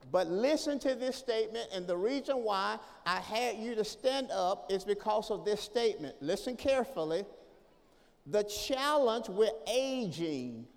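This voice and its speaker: Gravelly, high-pitched preaching man in a hall. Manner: call-and-response preaching, swings from soft to hollering. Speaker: pastor. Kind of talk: sermon. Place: church sanctuary. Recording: long reverb of a church hall.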